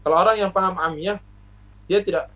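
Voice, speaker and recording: Man, from lombok indonesia, guest, patient explainer, hesitant fillers, slightly high voice, muffled sound. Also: steady tone, a little fast, slight background noise. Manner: patient lecturing, full of hesitations and examples. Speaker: guest, university alumnus. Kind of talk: casual explanatory chat. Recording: muffled lo-fi recording.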